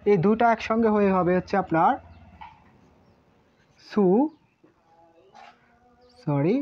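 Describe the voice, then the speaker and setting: A woman's voice: mid-range voice, slow pace. Patient woman teaching kanji. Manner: patient and repetitive, drills each word several times. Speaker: Japanese language teacher. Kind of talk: kanji lesson explained in Bengali. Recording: muffled lo-fi sound.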